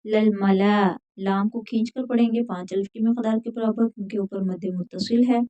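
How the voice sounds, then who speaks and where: A woman teaching Quran recitation, slowly explaining how each letter is sounded. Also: fairly high pitch, fairly even intonation, warm tone, dry recording, dull audio. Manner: slow drawn-out chanting recitation. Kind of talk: slow, careful recitation lesson.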